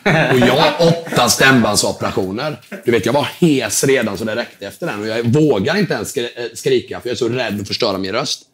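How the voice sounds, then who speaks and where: A medium-pitched man, interviewed as an entrepreneur, animatedly recounts a story and voices each line of dialogue. His manner is casual, with English words mixed in and a curse here and there.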